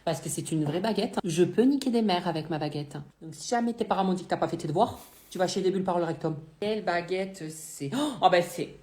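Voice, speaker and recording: A young woman doing a comic unboxing vlog, crude and excitable, swinging between loud and soft. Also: on the low side, fairly quick. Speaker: YouTuber.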